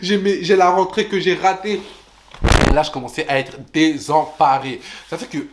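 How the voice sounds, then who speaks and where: A young man with a high-pitched voice tells a storytime straight to camera. He is animated and chatty, and keeps addressing his viewers directly. When he quotes people, his voice leaps up even higher. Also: normal speed, noisy background. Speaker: vlogger. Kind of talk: storytime vlog.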